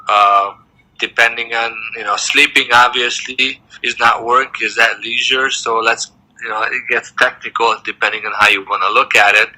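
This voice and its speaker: In a low-quality recording, a semi-retired dentist in his sixties, raised in Hungary, responds to an interviewer in a medium-pitched, sharp-toned voice. His answers come thoughtfully and haltingly, full of fillers and restarts.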